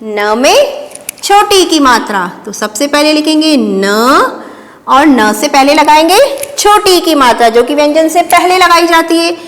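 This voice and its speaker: A woman teacher giving a slow dictation lesson to young children, patiently spelling out each word syllable by syllable and repeating it. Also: high voice, lively intonation, a bit bright, long reverb tail.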